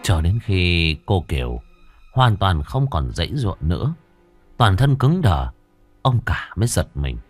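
A male storyteller narrates a ghost story with a low voice and dramatic, sweeping pitch. The recording is dry and close, with soft music running under the voice. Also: very animated, measured pace.

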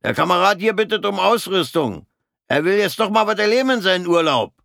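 A man's voice: fairly high pitch, sing-song, normal speed, bright, forceful tone, no room sound, clean studio sound, pitched above the performer's own voice, exaggerated voice. A man voicing a spiteful bald corporal who mocks and taunts. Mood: taunting. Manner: jeering, taunting.

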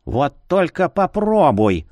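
A man voicing a gruff companion who grumbles slowly. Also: a little high, huge pitch swings, dry recording, clean studio sound. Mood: grumbling.

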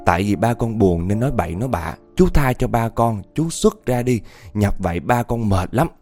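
A man's voice: fairly low pitch, lively intonation, moderate pace, a little mellow, soft background music. A man voicing a frightened young woman who begs a ghost to leave her father. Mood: pleading. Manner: pleading, then scolding.

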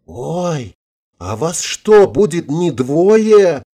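Man doing a coy young woman, simpering, mock-scared, high and mellow. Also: expressive, moderate pace, natural voice. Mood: mock fear. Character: playful young woman feigning girlish fright.

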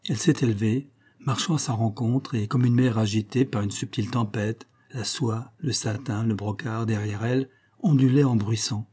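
Mellow husky male storyteller. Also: on the low side, fairly even intonation, moderate pace. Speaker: narrator. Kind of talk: audiobook reading of a tale.

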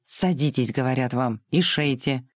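A reader voicing a gruff, grizzled old man in an audiobook, curt and commanding, with a grating edge. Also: medium pitch, moderate pace, no room sound, studio quality, natural voice. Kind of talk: audiobook reading.

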